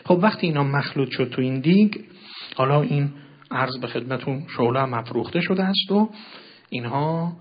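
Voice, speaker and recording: Male cleric, husky mid-pitched voice, sermon delivery shifting from slow loud recitation to quiet explanation, muffled lo-fi sound. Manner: chants Arabic phrases slowly and loudly, then explains softly. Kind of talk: sermon explaining a classical Arabic text in Persian. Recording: dull lo-fi recording.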